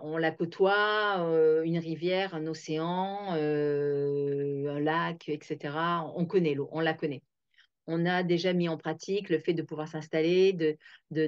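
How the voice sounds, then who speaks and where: A woman's voice: on the low side, a little mellow, dry recording. A woman hosting a reflective talk, thinking aloud with many fillers and restarts. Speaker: host. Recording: dull, dry lo-fi sound.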